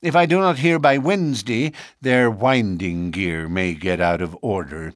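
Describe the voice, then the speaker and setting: A man's voice: on the low side, unhurried, no room sound, studio quality, natural voice. A male narrator voicing a boastful, callous lodge treasurer in a storybook reading. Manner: brash, boastful.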